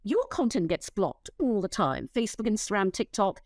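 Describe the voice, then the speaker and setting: A middle-aged woman talks with a lively, swooping pitch, sounding emphatic and blunt as she makes her case. She swears freely and trips over restarts when she gets going. The sound is dry and close, with little room echo. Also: moderate pace. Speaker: interview guest, company founder. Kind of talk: animated interview talk.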